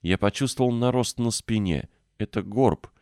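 A panicky, sickly boy who sobs and wheezes, as a man puts him on for an audiobook. The voice is lifted well above the reader's own pitch and sounds dry and close. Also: normal speed, a little mellow, dry recording, lightly acted. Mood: sobbing. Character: sobbing frightened sick boy.

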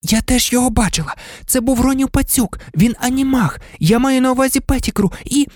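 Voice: sits high, brisk, a little mellow, dry recording, studio quality, voice pushed up, natural voice. A reader voicing a clever, earnest teenage girl in a storybook, speaking bluntly.

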